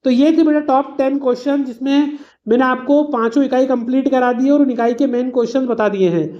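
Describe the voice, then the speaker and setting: A woman's voice: high voice, steady tone, a little fast, lo-fi sound. A woman teacher giving an exam revision lesson, explaining patiently with simple everyday examples and calling her students "beta".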